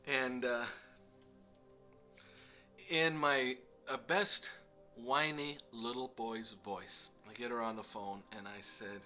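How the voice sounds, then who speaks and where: A man's voice: mid-range voice, pushed and bright. A middle-aged man casually telling a self-deprecating story with lots of fillers. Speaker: vlog host.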